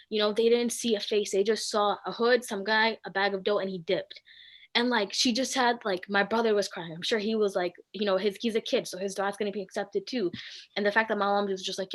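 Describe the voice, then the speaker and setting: A young woman co-hosting a talk show, telling a personal story in a chatty way with many filler words. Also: medium pitch. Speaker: co-host.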